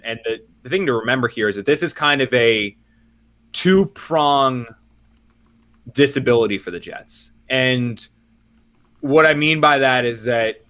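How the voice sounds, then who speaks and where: A man with a bright, forceful voice talks through a casual podcast chat as a football reporter. He rambles, restarts his sentences and drops joking asides as he goes. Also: medium pitch.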